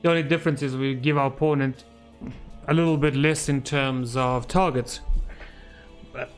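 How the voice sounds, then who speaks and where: A man casually commenting on his card game as he plays, thinking aloud and getting excited at wins. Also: mid-range voice, moderate pace, faint music behind. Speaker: game streamer.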